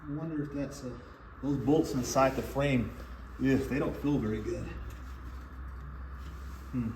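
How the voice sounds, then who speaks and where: A man's voice: medium pitch, unhurried, a little mellow, roomy sound, slight background noise. A man talking to himself and his viewers while working on an old truck in his garage, casual and chatty. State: out of breath, coughing from dust. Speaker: YouTube garage host. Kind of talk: casual workshop vlog. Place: home garage under a truck.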